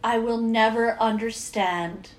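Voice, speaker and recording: A woman's voice: on the high side, slow. A woman co-hosting a casual chat, joking and self-deprecating as she talks. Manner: jokey, animated, self-deprecating.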